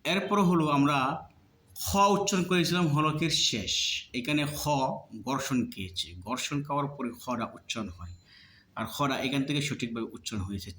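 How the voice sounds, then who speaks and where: A man's voice: medium pitch, moderate pace, fairly bright tone, roomy sound. A man teaching Arabic letter pronunciation step by step, patiently drilling each sound with many repetitions in a colloquial way. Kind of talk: slow step-by-step lesson.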